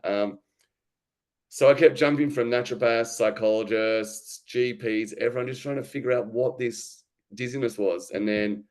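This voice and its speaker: A man's voice: medium pitch, fairly even intonation, moderate pace, darkish tone. A man in his thirties telling his own story in a candid, informal way with lots of fillers and restarts. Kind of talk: casual conversational storytelling.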